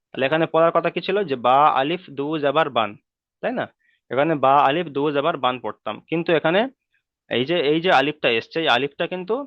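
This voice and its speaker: Male teacher, slightly high voice, dry dull lo-fi online class sound, patient and repetitive. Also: dry recording. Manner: patient, repeats points, checks understanding often. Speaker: Quran reading teacher. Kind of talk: online reading lesson.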